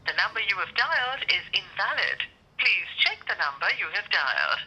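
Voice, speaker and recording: A woman's recorded phone-network announcement, played back through a smartwatch speaker, in measured, evenly spaced phrasing. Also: mid-range voice, sing-song, background noise.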